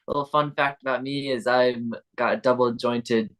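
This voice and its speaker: A man's voice: medium pitch, steady tone, moderate pace, a bit bright. A young man of eighteen from Utah answering interview questions in a casual, chatty way. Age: teens. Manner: casual, chatty, laughs between phrases. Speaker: guest.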